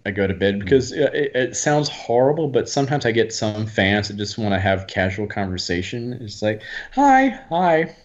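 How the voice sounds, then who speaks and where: A man's voice: fairly low pitch, brisk, hardly any pauses, lo-fi sound. A man from Alabama, a guest actor chatting casually and animatedly, often slipping into voices to act out quotes. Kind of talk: casual chat.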